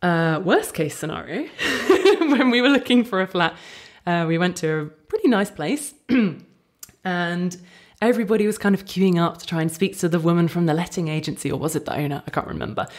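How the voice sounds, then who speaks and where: A woman co-hosting a podcast in casual chat, jokey and quick to laugh. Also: lowish voice, animated. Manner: chatty, jokey, laughs often. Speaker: podcast co-host.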